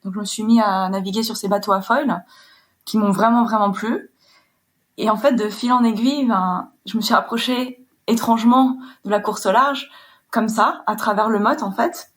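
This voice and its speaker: Young polish-born woman in her 20s, sailor guest, chatty and explains stuff easily, mid pitch. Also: normal speed, fairly bright tone. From Poland. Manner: fluent, explanatory storytelling. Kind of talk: casual interview chat.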